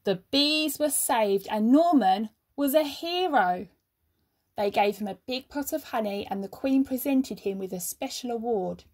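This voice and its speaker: Her pitch fairly high, this woman reads a children's story aloud in a teacherly style, expressive and measured, with emphatic pauses.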